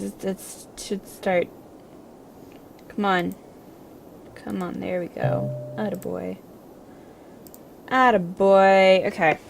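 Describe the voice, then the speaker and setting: A woman's voice: medium pitch, vocal fry, noisy background. A French Canadian woman, a native French speaker, chatting casually on a livestream and rambling with lots of fillers and restarts. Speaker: streamer. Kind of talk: casual livestream chat with viewers.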